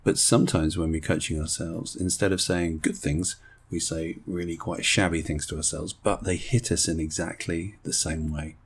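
Deep-voiced man introducing a podcast. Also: fairly even intonation, moderate pace, breathy edge. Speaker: podcast host. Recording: music bed behind voice.

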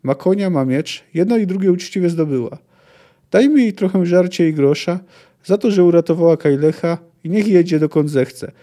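A scornful young elf outlaw woman, as a man reads her lines aloud. She sounds sharp and dismissive, in a voice pitched high with a mellow tone. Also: moderate pace, lightly acted.

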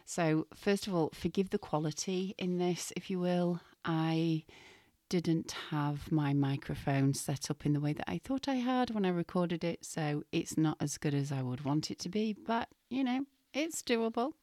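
A woman hosting a spiritual podcast, talking gently and softly with her voice still recovering, sometimes dropping to a whisper. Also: fairly low pitch, animated, no echo, studio quality. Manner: soft, slow and gentle, drifting into whispers. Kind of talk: casual spiritual podcast talk.

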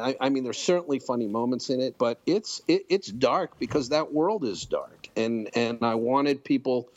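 A man talking casually and haltingly as an interview guest, thinking aloud. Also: medium pitch, no echo.

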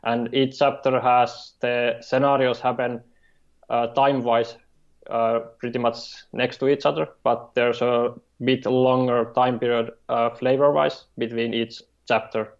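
Finnish guy w accent, flat monotone, lots of uhs, kinda dull lo-fi audio. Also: mid-range voice. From Finland. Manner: halting, hesitant, many uh fillers and restarts. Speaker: board game designer, guest. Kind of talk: remote interview.

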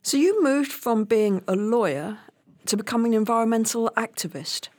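A woman hosting a podcast interview, asking questions in a clear, measured way. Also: fairly high pitch, animated, darkish tone, dry recording, clean studio sound. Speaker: podcast host, program director.

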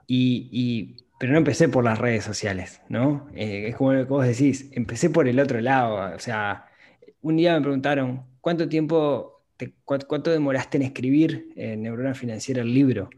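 A man's voice: medium pitch, moderate pace, a little mellow. A man hosting a podcast, talking thoughtfully in a casual conversation with frequent restarts. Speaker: podcast host, finance author.

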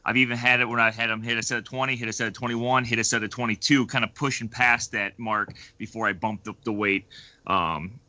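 A man's voice: medium pitch, a little fast, dry recording. A man speaking casually as a coach on a podcast panel, loose and full of fillers. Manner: relaxed, hedging with fillers. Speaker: strength coach, panel guest.

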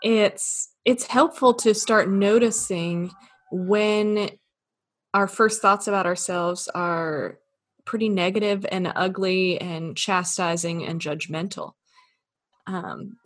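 A woman counselor explaining ideas on a podcast in a measured, patient way. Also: lowish voice. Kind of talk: explaining in casual discussion.

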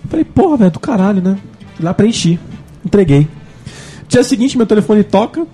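A man's voice: sits high, moderate pace, soft background music. A man with a Brazilian accent telling funny stories in a casual chat, acting out phone calls and using plenty of slang. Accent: Brazilian Portuguese. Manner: animated storyteller, acts out phone calls, lots of slang.

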